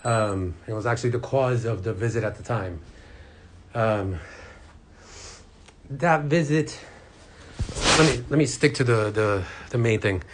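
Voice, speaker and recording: A man's voice: fairly low pitch, unhurried, long pauses, a little hiss or hum. A man at a medical office reception, earnestly explaining his complaint to staff with many ums and restarts. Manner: earnest and insistent. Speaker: patient confronting office staff. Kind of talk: tense in-person complaint.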